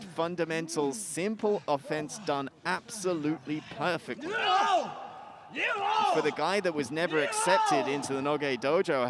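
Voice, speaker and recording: A man giving color commentary on a wrestling match, breaking down holds and technique in an analytical way. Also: a little high. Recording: loud arena crowd and noise.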